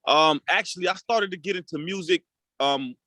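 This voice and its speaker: A man's voice: sits high, normal speed, bright, forceful tone, dry recording. A young man from Puerto Rico, a rap artist, telling his story in a laid-back, slangy way as an interview guest. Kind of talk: casual interview talk.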